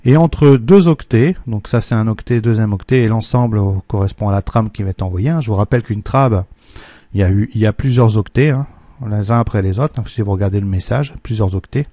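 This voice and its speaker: A man teaching a technical lesson, walking through a correction step by step, patiently checking that his students follow and slowing down on numbers. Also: on the low side, warm tone, no room sound. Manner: patient, checks in with "d'accord?" and "hein"; slows down to spell out numbers and steps. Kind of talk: screen-recorded lesson correction.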